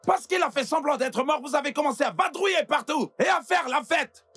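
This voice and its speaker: An actor dubbing a sharp-tongued male doctor who scolds and mocks an intruder, threatening to throw him among the corpses. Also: extremely high pitch, expressive, brisk, faint music behind. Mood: scolding. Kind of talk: dubbed film acting.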